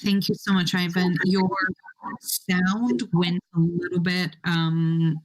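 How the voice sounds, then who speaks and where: A woman's voice: on the low side, little pitch movement, slow pace, a little mellow, low-quality recording. A woman casually hosting an online conference livestream, speaking off the cuff and rephrasing as she goes. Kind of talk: casual, unscripted moderating. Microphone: internet call.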